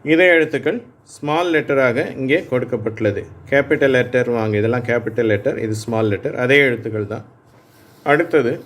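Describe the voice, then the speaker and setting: A man teaching adults to read English, going letter by letter and sound by sound and asking them to repeat after him. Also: medium pitch. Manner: patient, spells out sounds letter by letter and asks learners to repeat. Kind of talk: slow phonics lesson for adult learners.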